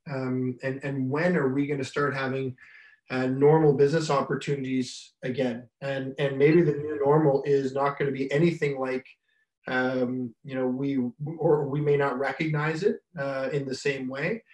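A business mentor presents an unscripted slide webinar from a home room indoors, speaking haltingly with many fillers and repeated starts. His mid-range, level voice has a darkish tone and is slightly raspy from much talking. Picked up by a webcam on a video call, the sound is roomy and distant.

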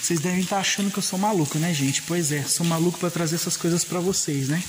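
A man's voice: fairly high pitch, quick pace, background noise. A Brazilian man exploring an old railway tunnel, his voice echoing off the rock as he talks to viewers on a handheld camera. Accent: Brazilian Portuguese. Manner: chatty, repeats himself, calls viewers "pessoal". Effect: echo of a long dark rock tunnel. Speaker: explorer vlogger. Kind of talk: casual walk-through commentary to viewers. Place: inside an old railway tunnel with dripping water. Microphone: handheld camera, front camera at times.

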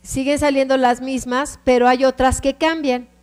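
A woman's voice: sits high, flat delivery, moderate pace, darkish tone, long reverb tail. A woman with a Mexican Spanish accent teaching a computer class, explaining step by step and often checking that the students follow.

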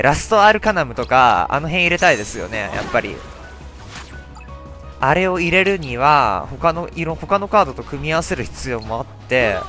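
A man's voice: on the high side, pushed and bright. A young man giving chatty let's play commentary, talking to himself as he plays. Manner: chatty, talks to himself while playing. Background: faint game music.

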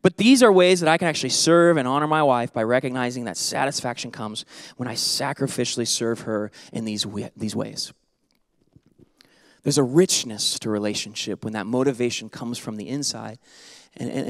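A pastor in his thirties preaches from a church stage into a handheld mic, lively and joking before softening into quiet, earnest tones. His mid-range voice moves at a normal speed, and the recording is dry.

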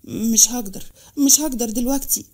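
A woman's voice: medium pitch, quick pace, mellow, close to an everyday voice. A woman voicing an evasive apologetic young man. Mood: regretful. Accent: Egyptian Arabic. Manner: apologetic, hesitant.

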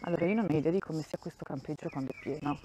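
Recorded on a handheld phone outdoors, with slight background noise and poor audio, a woman vlogger gives a casual walking tour of a campground. Her low, mellow voice comes rapid-fire as she thinks aloud and often restarts her sentences.

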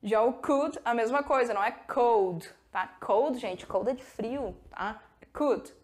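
A woman with a Brazilian Portuguese accent, an English teacher who explains step by step and models English phrases slowly in a pronunciation lesson video. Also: fairly high pitch.

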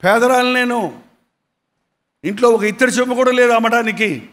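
A man's voice: very high-pitched, moderate pace, a bit bright, long reverb tail, pitched above the performer's own voice. A man voicing a poor old widowed mother who pleads through tears, told within a sermon. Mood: pleading. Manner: pleading, tearful.

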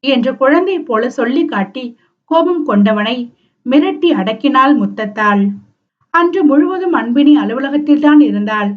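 A woman narrates a romance novel aloud in a fairly high voice, telling it expressively. The sound is dull and lo-fi. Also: normal speed. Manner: expressive storytelling. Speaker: audiobook narrator. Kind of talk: scripted narration. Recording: dull lo-fi recording.

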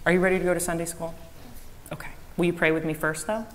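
Lady doing the kids' talk at church, slightly low voice, long echo off the sanctuary walls. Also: fast talker. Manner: lively, coaxing questions to children, repeating their answers. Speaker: director of faith formation giving a children's message. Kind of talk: children's message in a church service. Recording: long church reverb, faint room noise.

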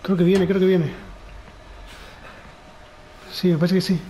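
Rioplatense guy, kinda high voice, jumpy and scared talking thru a horror game. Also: little pitch movement, measured pace, mellow, a little hiss or hum, poor audio. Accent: Rioplatense Spanish. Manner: nervous, frightened muttering to himself. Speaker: gamer. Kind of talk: horror game let's play commentary.

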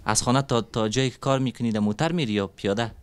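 A man talks to children on the street in a soft, coaxing way. He soothes and encourages them, and his voice sits at an ordinary middle pitch. He asks questions patiently and keeps reassuring them. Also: smooth. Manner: gentle, coaxing, soothing, full of endearments. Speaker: charity vlogger interviewing working street children. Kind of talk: street interview. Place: street outdoors.

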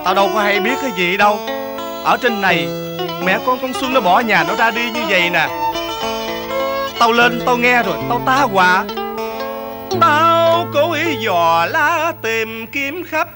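A man's voice: extremely high pitch, lively intonation. An actor playing a grieving old grandfather who laments in sung Vietnamese opera verse. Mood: mournful. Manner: mournful, slow sung lament. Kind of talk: cải lương sung verse. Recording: echoey room with music behind.

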